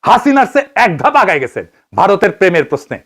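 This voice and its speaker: Fast, animated Bangladeshi commentator, man. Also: sits high. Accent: Bangladeshi Bengali. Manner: fires rhetorical questions and answers them himself. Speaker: political commentator. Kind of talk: investigative political commentary monologue.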